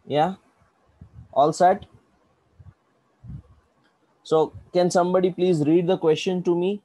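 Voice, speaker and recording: A man's voice: sits high, steady tone, takes it slowly, warm tone, no echo, low-quality recording. A man with an Indian accent teaching an online maths lesson step by step, often checking understanding with short questions. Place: indoors, online video class.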